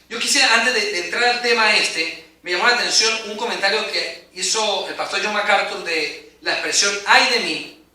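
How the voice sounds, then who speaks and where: A man's voice: high voice, pushed and bright. A man preaching a sermon, emphatic and dramatic, swelling and dropping in intensity. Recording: very echoey hall, mic at a distance.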